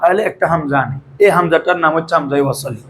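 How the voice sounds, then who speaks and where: High-voiced male teacher quizzing class. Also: rapid-fire, background noise. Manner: constantly quizzes students, colloquial and patient. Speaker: Arabic grammar teacher. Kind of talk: classroom lecture with call-and-response. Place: classroom with students seated in front.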